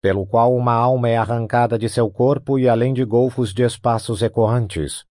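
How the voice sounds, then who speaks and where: A mysterious man who serves dark prophets, cryptic and boastful, as a male reader puts him on. His tone is dark and mellow, recorded dry and close. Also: medium pitch, steady tone, moderate pace, no echo, close to an everyday voice. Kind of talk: audiobook character voice.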